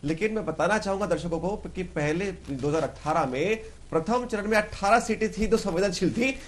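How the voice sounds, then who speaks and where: High-voiced man rebutting assertively. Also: brisk. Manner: assertive, rhetorical questioning. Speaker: party spokesperson. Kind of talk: heated televised debate.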